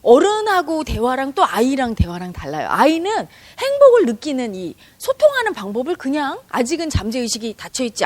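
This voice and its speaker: A woman teaching meditation in a spiritual talk to an audience, expressive and acting out the dialogue she quotes. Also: high voice, no echo.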